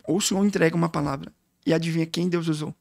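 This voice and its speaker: Pastor guy telling his testimony, kinda high gravelly voice, dry close sound, really emotional. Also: fairly even intonation, racing, no room sound. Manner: fervent, emotional storytelling. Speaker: guest pastor. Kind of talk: personal testimony in a podcast interview.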